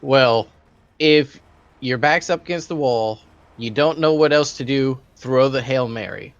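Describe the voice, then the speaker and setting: Hyped color commentator, dull dry mic. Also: male voice, mid-range voice, measured pace, no echo. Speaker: esports co-caster.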